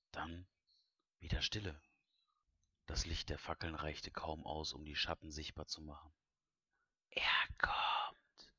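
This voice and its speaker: A man's voice: a bass voice, sharp tone, slightly rough, no echo. A man reading an audiobook as narrator in a suspenseful voice that drops to whispers. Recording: dull, dry, lo-fi recording.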